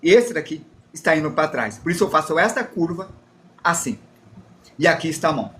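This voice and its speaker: A Brazilian man leads a live drawing lesson in a fairly high voice. He talks casually and makes fun of himself, explaining each step as he draws and answering the chat. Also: expressive, a little fast, fairly bright tone, slight background noise. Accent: Brazilian Portuguese. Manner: chatty, self-deprecating, explains while drawing. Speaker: drawing teacher.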